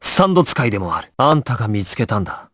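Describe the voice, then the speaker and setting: In dramatic Japanese anime game voice acting, a man plays a young gangster squad leader who is resolute and composed, barking short, authoritative orders with grave calm. He talks fast in a sing-song, mid-range voice. The studio-quality recording has no room sound.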